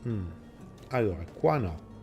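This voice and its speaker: A man with a low voice and an Italian accent comments casually on a video game. He thinks aloud in short phrases. Music plays clearly behind him. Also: sing-song, measured pace, warm tone. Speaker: gaming video host.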